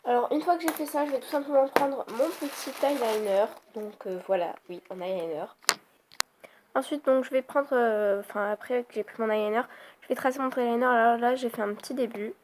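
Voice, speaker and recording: A woman's voice: on the high side, a little fast. A young woman giving a casual, rambling makeup tutorial at home, easily annoyed. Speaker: beauty vlogger. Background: faint noise of passing cars.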